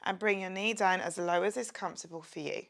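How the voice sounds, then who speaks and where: A woman's voice: fairly low pitch, brisk, fairly bright tone. A young woman leading a home workout, upbeat and encouraging, exercising as she talks and sometimes dropping to a whisper. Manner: upbeat, encouraging, chatty with jokes; exercising while talking, drops to a whisper at times. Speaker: fitness instructor. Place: her home, near a street window.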